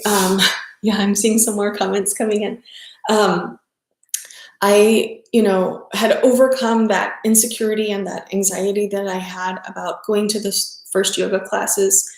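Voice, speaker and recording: Woman, middle-aged, from South Texas, yoga teacher, casual rambling talk, echoey room, mid-range pitch. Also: gravelly. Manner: chatty, rambling, frequent ums and self-corrections.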